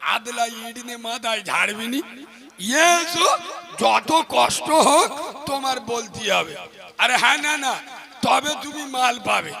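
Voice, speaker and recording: A hoarse man preaching a fiery, mocking sermon to an outdoor crowd, often shouting at his listeners. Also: very high voice, animated, slow pace. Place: outdoor religious gathering.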